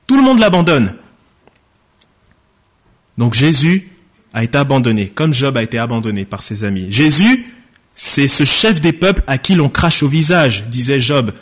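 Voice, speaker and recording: His voice is mid-range and a bit bright. The pastor reads aloud from the Bible during his sermon, lifting his voice for quoted lines before explaining the passage conversationally and plainly.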